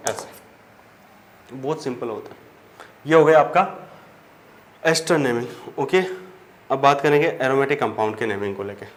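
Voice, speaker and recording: In a mid-range voice at a normal speed, a man pauses often as he teaches chemistry at the board. He breaks things down step by step, answers his own questions, and speaks to the class as children, with faint noise in the background.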